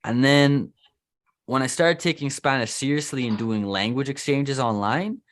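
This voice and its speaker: A young Canadian man with a Canadian accent hosts a casual interview in a slightly bright, medium-pitched voice at a moderate pace. He's chatty and loose, restarting often and leaning heavily on "like" and other fillers.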